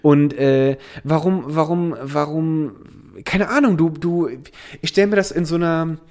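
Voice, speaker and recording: A man's voice: fairly high pitch, fairly even intonation, unhurried, a little mellow. A man from Germany co-hosting a casual podcast chat, rambling with many restarts and frequent laughs. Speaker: podcast co-host.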